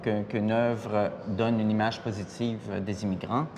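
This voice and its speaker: A man's voice: lowish voice, flat delivery, unhurried, a little mellow, long reverb tail, slight background noise. A male writer in an interview, speaking hesitantly and searching for his words. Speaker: writer guest. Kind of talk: interview answers.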